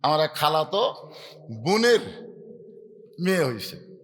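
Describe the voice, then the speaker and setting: A man preaching a sermon, dramatic, swinging from soft talk to loud fervent preaching and chanting verses in a drawn-out melody. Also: a little high, big pitch swings. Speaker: Islamic preacher.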